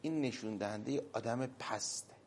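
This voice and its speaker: A man giving a religious talk, quoting Arabic phrases slowly with emphasis and acting out short stories. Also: mid-range voice. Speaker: cleric.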